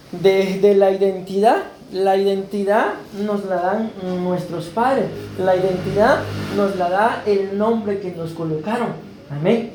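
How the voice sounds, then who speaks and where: In a church hall with echoing acoustics and slight background noise, a pastor preaches in a high, slightly mellow voice. He keeps the sermon conversational and repeatedly asks his audience "¿verdad?" to check in.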